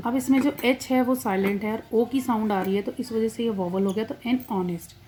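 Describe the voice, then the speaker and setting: Patient woman teaching grammar slowly. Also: a little high, mellow, a little hiss or hum. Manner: slow, drawn-out example words with stress on sounds. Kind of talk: classroom-style grammar lesson.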